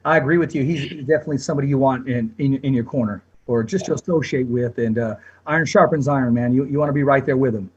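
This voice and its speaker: A man's voice: mid-range voice, quick pace, hardly any pauses, dull audio, slight background noise. A man hosting a casual interview, speaking in an informal, conversational way. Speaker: interviewer, host.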